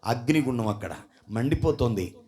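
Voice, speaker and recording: A man preaching a sermon at a church service. He keeps questioning the congregation and calling for responses, and his voice swings suddenly between loud and soft. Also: medium pitch, lively intonation, moderate pace.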